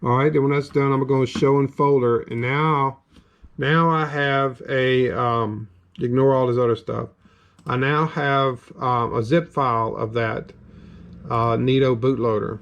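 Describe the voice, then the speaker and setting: A man with a Southern US accent walks through a tech setup in a loose, rambling way, stopping often for ums and small restarts. His voice sits at an ordinary mid pitch. Keyboard typing clicks now and then behind him. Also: steady tone, unhurried, highs cut off. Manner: rambling, filler-heavy, step-by-step narration. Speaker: game hardware reviewer. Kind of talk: casual screen-recorded tutorial.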